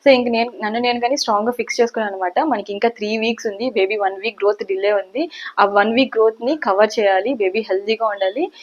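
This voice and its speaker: Young woman vlogger, brisk chatty storyteller, slightly high voice, dull lo-fi audio. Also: steady tone. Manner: chatty, rambling, repeats "anamaata" often. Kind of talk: casual first-person storytelling. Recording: dull lo-fi sound.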